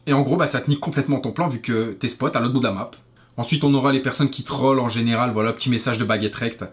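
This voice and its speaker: A man's voice: mid-range voice, steady tone, fast talker. A man, ranting casually as a gaming YouTuber in sweary street slang. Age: 20s. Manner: French street slang, swearing, familiar address. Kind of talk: casual rant to camera over gameplay. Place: small bedroom, indoors. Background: faint music.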